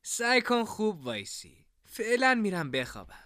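A man voicing a smooth, confident young hero. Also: sits high, big pitch swings, pushed and bright, dry recording, clean studio sound, pitched above the performer's own voice, exaggerated voice. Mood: teasing, calm.

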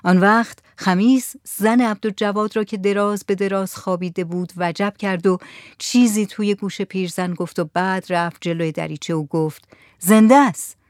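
Brief: woman narrator, measured audiobook reading, very dry close mic. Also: mid-range voice, steady tone, dry recording.

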